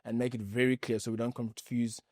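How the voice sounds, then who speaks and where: A man's voice: mid-range voice, level tone, brisk, a little mellow, no room sound. A man from South Africa with a mid-range voice co-hosts, walking through an example step by step and doubling back on words now and then. The sound is dry and close. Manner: explains with examples, repeats words. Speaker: podcast co-host. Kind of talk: explanatory chat.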